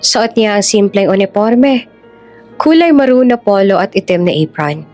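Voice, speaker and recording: A woman narrating a scripted story in an even, measured way. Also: mid-range voice, soft background music.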